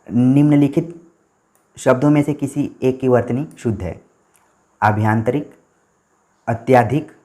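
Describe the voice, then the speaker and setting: A man's voice: medium pitch, a little mellow. A man teaching an exam practice lesson. He goes through each answer and explains it, often checking in with "theek hai". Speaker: Hindi teacher.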